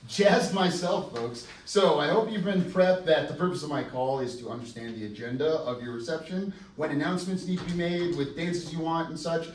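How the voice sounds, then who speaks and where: A man's voice: a little high, moderate pace, hardly any pauses, close to an everyday voice. A man reading the part of a playful, upbeat wedding planner at a table read. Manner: upbeat, teasing. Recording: roomy distant live room recording, faint noise.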